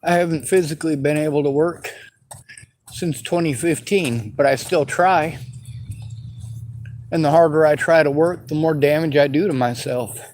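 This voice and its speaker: A man's voice: on the high side, moderate pace, pauses often, a little mellow, a little hiss or hum, low-quality recording. A man in his forties from the western United States, talking bitterly and swearing as he answers viewer questions on his vlog. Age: 40s. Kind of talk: angry unscripted monologue.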